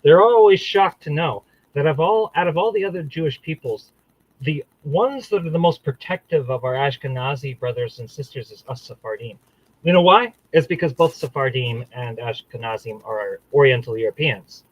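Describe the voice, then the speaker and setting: A man's voice: a little high, expressive, normal speed, highs cut off. A man hosting his own channel, giving a combative, profane solo monologue that rambles and restarts mid-sentence. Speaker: channel host.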